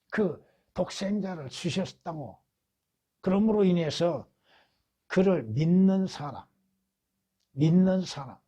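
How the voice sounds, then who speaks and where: A man's voice: a little high, darkish tone, husky. A man preaching at a church Bible study as pastor, putting rhetorical questions to the congregation and answering them, with emphatic repetition.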